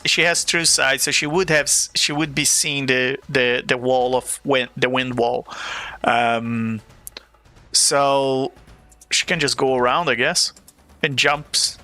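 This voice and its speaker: A man narrating a tabletop game as game master, halting and amused. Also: medium pitch, pushed and bright, smooth.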